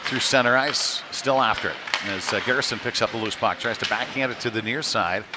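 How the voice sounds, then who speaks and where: Over the clatter of a noisy rink, a mid-range male voice delivers slightly quick play-by-play of a youth hockey game. He speaks in short, clipped phrases that wander off into asides.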